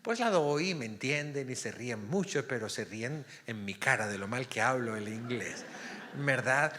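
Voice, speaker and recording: Lively priest teaching Bible class in echoey hall. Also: male voice, mid-range voice, normal speed. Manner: keeps checking in with the class, asking "ok?". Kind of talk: parish Bible study lecture. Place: parish hall or church classroom. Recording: long reverb of a church hall.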